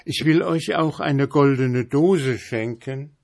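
A man voicing a frightened innkeeper's wife in a read-aloud fairy tale, pleading in a high voice. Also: takes it slowly, vocal fry, a little mellow.

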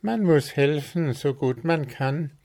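A man's voice: on the high side, lively intonation, slow pace, a little mellow, voice pushed up, exaggerated voice. A man voicing a wry, amused little male bird in a storybook reading.

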